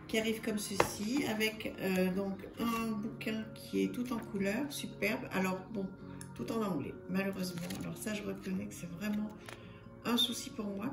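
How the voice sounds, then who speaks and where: Soft music fills an echoey room as a woman from France presents a tarot deck on her channel. She talks in a loose, chatty manner, repeating words and using many fillers, her mid-range voice touched with vocal fry.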